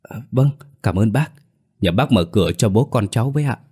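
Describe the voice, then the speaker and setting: A man's voice: lowish voice, expressive, fairly quick, darkish tone, husky, voice pushed up. A man voicing a hot-headed, anxious young son in an audio story, speaking in a heated, pleading way. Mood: hushed, polite.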